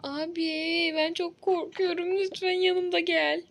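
A woman voicing a frightened, whiny dental patient who pleads in a high, teary voice during toy role-play. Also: level tone, slow pace, a little hiss or hum, full character voice. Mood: scared whining. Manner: pleading, high-pitched, near tears.

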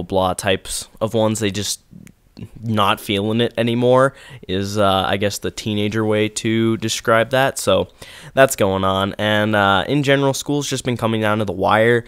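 A man's voice: on the low side, fairly bright tone, clean tone, dry recording. A teenage boy with a sore throat and congestion, talking casually and in a subdued, rambling way with many fillers as he speaks over gameplay. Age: teens. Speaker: gaming video creator.

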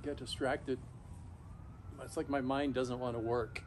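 A middle-aged man talking casually and haltingly to camera outdoors, shivering in ice-cold water, pausing often mid-thought. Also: mid-range voice, fairly even intonation, darkish tone. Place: backyard, outdoors, in an ice bath. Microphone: camera a few metres away. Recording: noisy outdoor recording, ambient hum.

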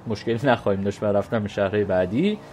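A man's voice: on the low side, a little mellow, soft background music. A man giving casual let's-play commentary, chatting and loosely translating game dialogue. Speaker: gameplay commentator.

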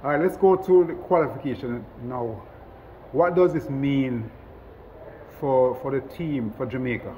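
A man's voice: medium pitch, a little slow, mellow, big-room sound, a little hiss or hum, poor audio. A man interviewing a football coach after a match, asking short, upbeat questions. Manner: brief, upbeat prompting questions. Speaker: sports show interviewer.

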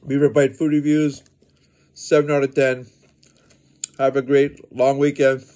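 Mellow older man reviewing snacks. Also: medium pitch, level tone, unhurried. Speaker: food review host. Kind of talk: casual snack review vlog. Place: outdoor covered wooden porch.

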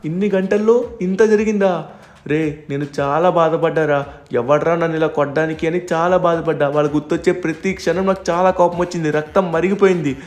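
Man as a quick-talking young guy, voice sitting a bit high, heartfelt. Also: fairly even intonation, a little mellow, close to an everyday voice. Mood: earnest. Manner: fast emotional talk. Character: grateful young man just out of hospital. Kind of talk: fan dub of game footage.

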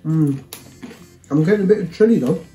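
A man's voice: on the high side, fairly quick. A man with a casual, chatty manner, talking through a mouthful of food while reviewing a snack. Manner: chatty, relaxed, lots of murmured mm sounds. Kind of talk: casual food tasting chat. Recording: roomy echo, faint music.

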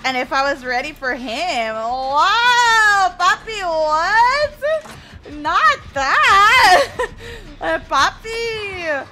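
Her voice is extremely high, bright and pushed, expressive yet extremely slow. She's an American streamer in her twenties who chats, laughs often, and reads her viewers' messages aloud as she plays.

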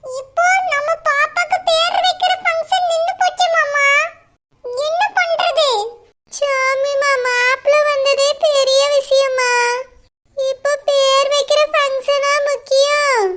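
A woman voicing an anxious shrill young wife. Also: steady tone, slow pace, noisy background.

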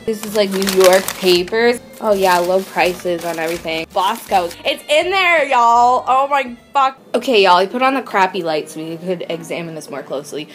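A woman vlogging an unboxing in casual chat, excitable, swearing often and filling her talk with "like". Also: medium pitch, moderate pace, few pauses, soft background music. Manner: excitable, swears a lot, says "like" constantly.

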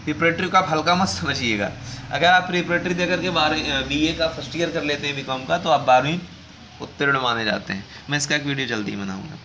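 Male host, a clear bright tone, conversational and direct with viewers, faint background hiss. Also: fairly high pitch, fast talker. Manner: conversational, addresses viewers as friends, reads out news excerpts. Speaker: education news video host. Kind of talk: casual explanatory talk to viewers.

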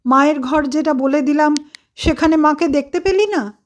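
A woman's voice: high voice, moderate pace, pitched above the performer's own voice, natural voice. Woman voicing a firm, scolding devout mother.

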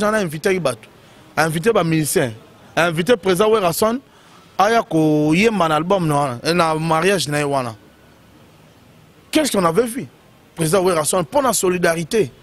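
A high-pitched man talks through music gossip in quick, emphatic bursts. He leans on fillers and keeps the tone casual and animated. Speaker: commentator. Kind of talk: casual commentary on music news.

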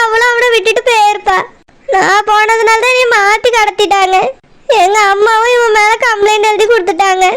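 A woman's voice: very high-pitched, a bit bright. Woman voicing a sobbing young wife. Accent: Tirunelveli Tamil. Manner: sobbing, resentful complaints.

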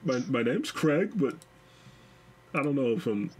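A man's voice: mid-range voice, sing-song, a little slow, slight background noise. A man co-hosting a podcast, chatting casually and joking with frequent laughs. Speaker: podcast co-host. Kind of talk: casual chat.

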